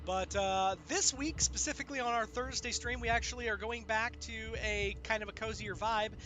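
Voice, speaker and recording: A man's voice: high-pitched, normal speed, a little hiss or hum. A man hosting a livestream, chatting casually and animatedly with his viewers. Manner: animated, exclaiming when greeting viewers. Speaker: streamer host.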